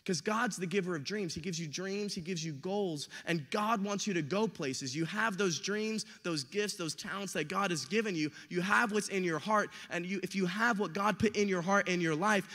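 A young man who is a youth pastor, preaching a sermon with animated delivery and acting out quotes and stories. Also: high voice, moderate pace, few pauses. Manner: animated, acts out quotes and stories with big swings in loudness. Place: church hall. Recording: reverberant hall.

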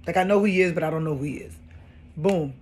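A woman in her thirties recounts her own story in casual, animated speech, leaning on repeated phrases to drive each point home. A faint ambient hum sits quietly under her voice. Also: low voice, fast talker. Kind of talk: personal storytelling.

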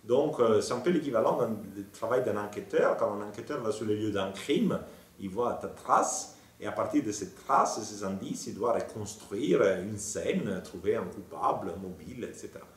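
A man's voice: fairly low pitch, lively intonation, moderate pace, far from the mic. A man, explaining his research in a thoughtful interview with some hesitations, filmed in an office with bookshelves. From Italy. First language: Italian. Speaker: planetary scientist. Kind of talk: interview monologue. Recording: roomy, from off-mic.

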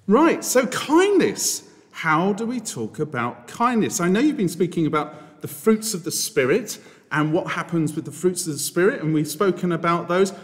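Playful priest with a lively voice. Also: male voice, high-pitched, moderate pace. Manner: playful, jokey, asks the children questions. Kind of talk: school assembly talk. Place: church. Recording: reverberant church.

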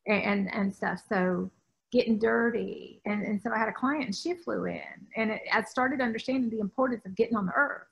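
A woman spiritual teacher in casual chat, animated, acting out quoted voices with many restarts. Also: fairly high pitch, brisk, creaky, husky, poor audio. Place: outdoors on an island.

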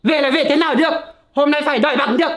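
A woman as a pushy fast-talking debt collector. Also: high-pitched, a bit bright. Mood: accusing. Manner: brisk, accusing. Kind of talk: comedy skit acting.

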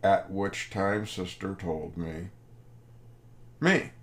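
A man's voice: low-pitched, steady tone, measured pace. A man in his fifties, a professor telling a wry classroom anecdote in a lecture. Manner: anecdotal, wry, acts out quoted voices. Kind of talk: storytelling lecture.

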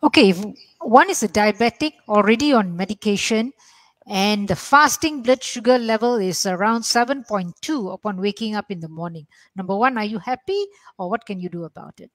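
A woman's voice: medium pitch, expressive, fairly quick, dry recording. A woman moderating a webinar, reading out audience questions plainly.

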